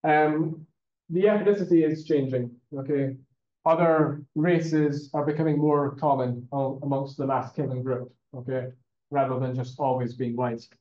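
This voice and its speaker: This university lecturer's voice sits on the high side with a darkish tone, and he takes his time. He talks to the class conversationally, dropping fillers and regularly checking in with "okay?". It's a dull, roomy recording made in a lecture room.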